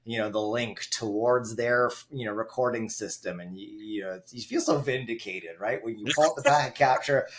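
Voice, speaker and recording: A Canadian man, a guest on a podcast, chatting casually and telling animated stories about network work. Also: mid-range voice, normal speed, hardly any pauses. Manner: animated storyteller who acts out quoted voices. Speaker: guest, wireless network engineer.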